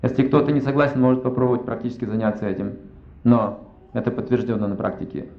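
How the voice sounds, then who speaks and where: A man's voice: mid-range voice, fast talker. A man giving a religious lecture, reasoning aloud and asking himself rhetorical questions. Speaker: spiritual lecturer. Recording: roomy, slightly dull recording.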